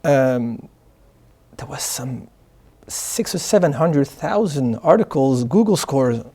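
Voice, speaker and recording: A man's voice: mid-range voice, expressive, slow pace, mellow, breathy edge. A man from Morocco, a guest answering interview questions in an earnest way, often repeating words as he starts sentences. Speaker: guest, charity founder. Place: studio.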